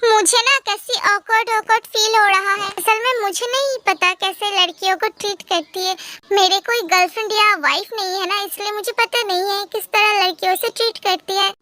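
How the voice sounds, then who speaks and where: A woman's voice: very high-pitched, steady tone, normal speed, sharp tone. Woman doing a teasing confident older man. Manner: teasing, playful. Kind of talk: amateur fan dub.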